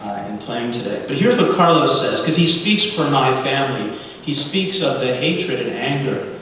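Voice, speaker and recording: In a vast, echoing hall, a middle-aged man from Cuba, a native Spanish speaker, serves as guest speaker for a congregational service and delivers a sermon-like address with readings. He sounds animated, with a mid-range, fairly bright voice, yet his pacing stays earnest and deliberate, broken by pauses between phrases. The mic is distant, and light noise is audible.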